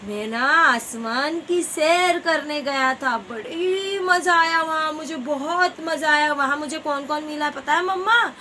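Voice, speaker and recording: A woman's voice: unhurried, few pauses, bright, forceful tone, a little hiss or hum. A woman doing a tiny curious raindrop boy. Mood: excited. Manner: high childlike pleading voice. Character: little male raindrop child, curious and timid.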